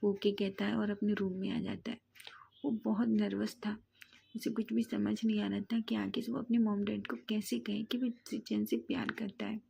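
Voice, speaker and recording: A woman narrating a fan fiction love story aloud in steady storytelling. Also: medium pitch, moderate pace, gravelly, breathy edge.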